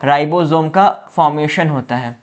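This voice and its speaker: A higher-pitched man gives a biology lecture to his class at a moderate pace, and the recording's high frequencies are cut off. He calls students "बच्चा", says "ठीक है" often, and answers his own repeated questions.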